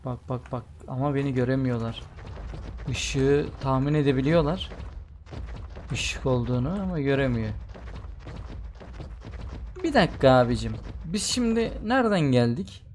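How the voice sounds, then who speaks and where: A man's voice: medium pitch, expressive, normal speed, pauses often, a little mellow, a little hiss or hum. A man giving live commentary on a video game he plays, talking to himself, often exasperated and exclaiming. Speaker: gameplay streamer.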